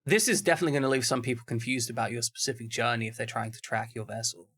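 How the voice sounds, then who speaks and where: A man's voice: medium pitch, rapid-fire, fairly bright tone. A man narrating as game master of a tabletop game, chatty and full of asides. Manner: explains at length, chatty with many asides.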